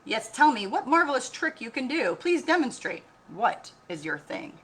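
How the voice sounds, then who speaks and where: Lady doing a bossy loud elephant king from a picture book, theatrical, bright and punchy. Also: fairly high pitch, big pitch swings, moderate pace, husky, voice pushed up, heavily acted. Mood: commanding, impatient. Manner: commanding, theatrical, exclamatory. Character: imperious, boisterous elephant king presiding over games.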